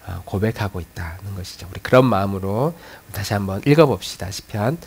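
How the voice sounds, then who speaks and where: A man's voice: lowish voice, expressive, fairly quick, a little mellow, husky. A man, a pastor, preaching a sermon and leading the congregation through scripture readings.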